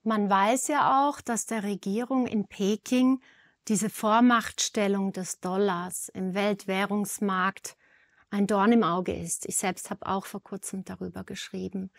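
Woman, 50s, host, composed questions, mid pitch, dry studio sound. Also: steady tone, measured pace, creaky, no echo. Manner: composed, asks with light fillers. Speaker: host, interviewer.

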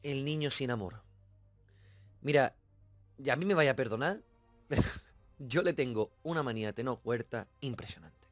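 A man's voice: mid-range voice, normal speed, pauses often, dry recording, faint music behind. A man from Spain with a Spain Spanish accent, giving a casual film review as a channel host, emphatic and swearing freely, repeating himself for effect.

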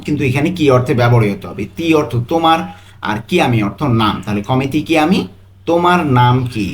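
Man teaching phrases slowly, word by word. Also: fairly high pitch. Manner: explains slowly word by word, repeats each phrase; says the foreign phrases very slowly and carefully. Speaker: language teacher. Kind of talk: quiz-style language lesson.

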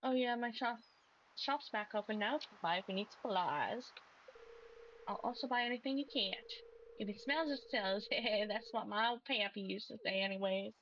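A woman's voice: mid-range voice, moderate pace, fairly bright tone, dull audio, slight background noise, natural voice. A woman voicing a friendly old male fisherman in a put-on country drawl, reading game dialogue aloud in a folksy, hearty way. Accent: put-on American country drawl.

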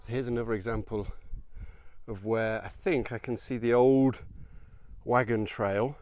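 Hosting a history hiking vlog on an open countryside trail, a man in his thirties delivers casual commentary with wry asides. He speaks a little slowly at medium pitch, fairly even and a little mellow. The recording is dry but includes outdoor noise and open-air ambience.

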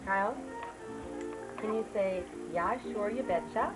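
A woman's voice: medium pitch, a little slow, over loud music, poor audio. A woman, a mother coaxing her toddler to repeat phrases in a casual home video, heard through old 1980s camcorder audio.

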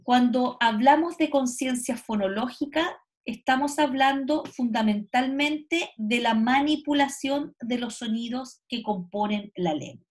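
Woman lecturer over a video call, explanatory, somewhat high-pitched. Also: a little slow, few pauses. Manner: explanatory, often checks in with "¿cierto?" and "¿ya?". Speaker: teacher. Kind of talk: online lecture. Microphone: computer mic on a video call.

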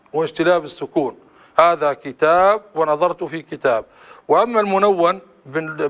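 A man teaching a classroom grammar lesson, often asking the class short prompting questions. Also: on the high side. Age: adult.

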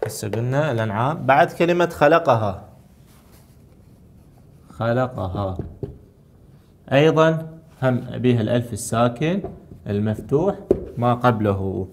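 A man teaching a recorded lesson, working through exercises. He draws out and repeats key words slowly and lifts his voice when reading verses aloud. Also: medium pitch, expressive, a little hiss or hum. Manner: slow, drawn-out repetition of key words; rises to read Quranic verses.

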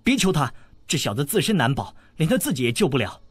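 A man's voice: fairly high pitch, very animated, fairly quick, husky, voice pushed up. A man doing a defiant wounded swordswoman. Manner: defiant, scornful. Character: proud stubborn wounded young swordswoman.

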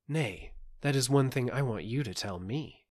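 A man's voice: mid-range voice, expressive, normal speed, darkish tone, natural voice. A man voicing a vain, cruel young princess in an audiobook fairy tale, speaking haughtily. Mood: haughty. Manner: haughty, scornful.

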